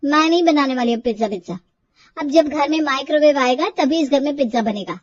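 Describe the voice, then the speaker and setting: A woman's voice: sits high, a little fast, no echo, distant mic, dull audio, natural voice. A woman voicing an exasperated young bride. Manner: exasperated and complaining. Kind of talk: storybook cartoon voice acting.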